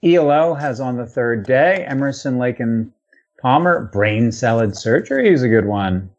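A man hosting a podcast, talking casually and rattling off one title after another. He sounds relaxed and loose, dropping the odd swear word. The recording is dull and slightly lo-fi. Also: mid-range voice, normal speed. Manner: rattles off long lists, with fillers and profanity. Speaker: podcast host. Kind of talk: casual chat listing albums.

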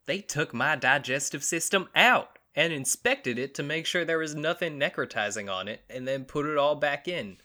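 A man's voice: on the high side, animated, moderate pace, hardly any pauses, sharp tone, pitched above the performer's own voice. A man putting on an older Florida patient's voice. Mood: incredulous. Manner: put-on accent while quoting.

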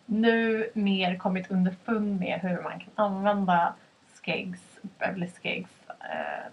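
Co-hosting a casual, chatty podcast, a young woman from Stockholm leads the questions, dropping fillers like "så här" and "liksom". Her voice is mid-range and gravelly, with lively intonation. Faint background noise sits under a dull, lo-fi recording.

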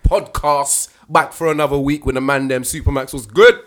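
A man's voice: mid-range voice, moderate pace, fairly bright tone. A young man with a London accent hosting a podcast, chatting casually and using plenty of street slang. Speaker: podcast host.

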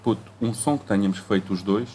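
A man's voice: fairly low pitch, fairly quick, dark tone, a little hiss or hum. A young man, bantering casually with a friend in insistent slang, swearing freely. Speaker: rapper.

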